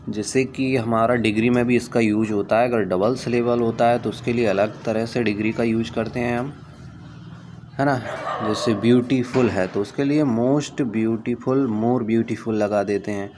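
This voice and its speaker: A man teaching an exam vocabulary revision lesson, explaining in Hindi and reading English definitions slowly and deliberately. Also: mid-range voice, fairly even intonation, a little mellow, a little hiss or hum.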